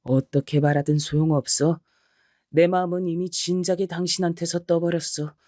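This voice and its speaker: Guy voicing a cheating husband, flat, unbothered, dry audio-story sound. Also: a little high, moderate pace, dry recording, natural voice. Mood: unapologetic. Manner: flat, matter-of-fact confession. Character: cheating middle-aged husband, unapologetic and calm. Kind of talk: audio drama reading.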